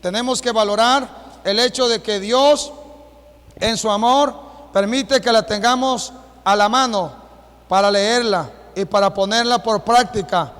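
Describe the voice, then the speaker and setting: A Mexican man preaching a sermon as pastor, with a Mexican Spanish accent, asking the congregation rhetorical questions and rising to shouts. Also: high voice, measured pace. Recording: long hall reverb.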